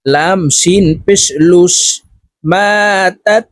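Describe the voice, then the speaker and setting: In a high voice on a dry recording, a man instructs Quran reading. He breaks each word into letters and vowels, chants the words slowly and at length, and gives brisk explanations between recitations.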